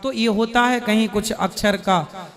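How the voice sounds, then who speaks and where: Man, spiritual teacher, high voice, calm patient explanations. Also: unhurried. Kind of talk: devotional question and answer.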